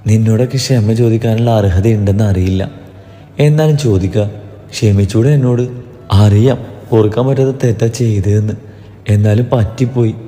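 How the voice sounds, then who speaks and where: A man voicing a remorseful young woman who pleads softly in a read-aloud story. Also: medium pitch, lively intonation, a little fast, reverberant, in a large hall, soft background music, close to an everyday voice. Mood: pleading. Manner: pleading, soft.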